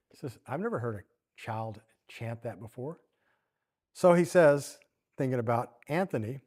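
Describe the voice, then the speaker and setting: A man's voice: medium pitch, a little mellow. A man teaching in a church, telling a story conversationally, asking the room questions and reading passages aloud. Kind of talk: sermon.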